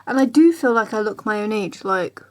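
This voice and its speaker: The recording quality is low, but her medium-pitched voice comes through expressive at a normal speed. She's a 20-something vlogger ranting casually to camera, rambling, repeating herself, chatting away and voicing others' responses.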